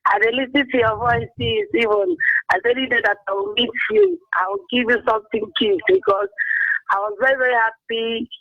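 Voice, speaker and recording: A woman with a Nigerian accent chatting haltingly as a caller on a muffled phone line. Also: fairly high pitch, lively intonation, no echo. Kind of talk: halting casual phone-in chat.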